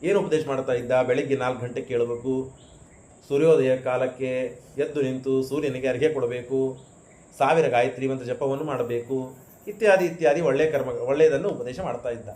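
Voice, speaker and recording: A man giving a scriptural sermon, telling the story and chanting verses slowly, with rhetorical questions. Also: medium pitch, fairly even intonation, a little mellow, roomy sound. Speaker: pravachan speaker. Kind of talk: scriptural discourse with recited verses.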